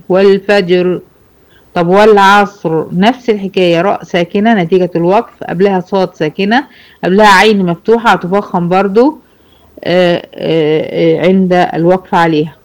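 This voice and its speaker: A woman's voice: mid-range voice, a little mellow, poor audio. Egyptian woman patiently teaching tajweed. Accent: Egyptian Arabic. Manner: patient, repeats rules slowly with examples, checks understanding. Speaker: Quran recitation teacher. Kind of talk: online tajweed lesson.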